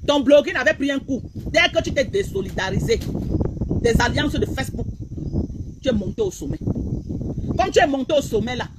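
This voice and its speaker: A woman's voice: high voice, animated, moderate pace, long pauses, background noise. A woman blogger, delivering a heated, repetitive, confrontational rant on a live stream.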